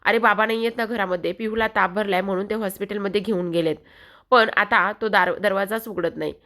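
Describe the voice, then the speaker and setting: A woman's voice: medium pitch, steady tone, fairly quick, fairly bright tone, natural voice. Woman voicing an anxious worried mother. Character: frightened older mother worried for her son.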